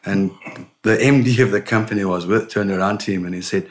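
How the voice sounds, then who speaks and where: Animated middle-aged sales consultant, deep voice. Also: male voice, brisk. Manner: animated storyteller, repeats words when starting. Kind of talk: interview answers.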